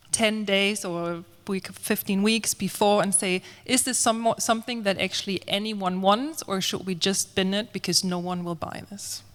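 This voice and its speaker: A woman's voice: medium pitch, a bit bright, big-room sound. A woman speaking on a conference panel, explaining earnestly and often correcting herself mid-sentence. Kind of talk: panel discussion.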